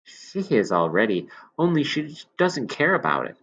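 A man's voice: mid-range voice, big pitch swings, normal speed, fairly bright tone, slightly rough, muffled recording, pitched above the performer's own voice, heavily acted. A man voicing an eager, naive young man in love, earnest and a little hesitant. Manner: earnest, hesitant, breathless delight.

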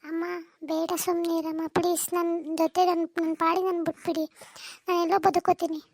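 A voice artist playing a meek young sister who pleads to be left alone, with a high cartoon pitch effect. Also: flat delivery, brisk, no room sound, studio quality. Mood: pleading. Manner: pleading, self-pitying. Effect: sped-up, high-pitched cartoon voice effect.

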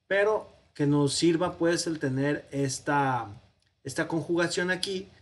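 A man's voice: a little high, a little slow, slight background noise. A man with a Mexican Spanish accent giving a patient, explanatory online grammar lesson. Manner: patient, explanatory, self-correcting, with many "este" fillers. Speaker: Hebrew grammar teacher.

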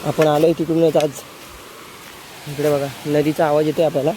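A man's voice: a little high, level tone, moderate pace, background noise. A man chatting casually to his viewers as he walks through a forest and along a river. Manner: chatty, repeats himself, addresses viewers as friends. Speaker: vlogger. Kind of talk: casual outdoor vlog narration. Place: forest and riverside outdoors at dusk.

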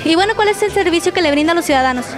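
A woman's voice: very high voice, expressive, very fast, a crowd in the background. A young woman reporter doing an on-location interview with a handheld microphone, upbeat and inviting. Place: outdoors at a restaurant entrance and indoors in its dining room.

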